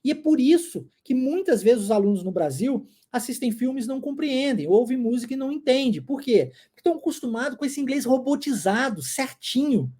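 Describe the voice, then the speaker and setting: A woman with a Minas Gerais accent leads a casual English lesson in a mellow, warm tone. Her pitch rises and falls widely as she chats playfully and stretches out words slowly for drilling. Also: expressive. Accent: Brazilian Portuguese, mineiro (Minas Gerais). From Minas Gerais, Brazil. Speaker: English teacher.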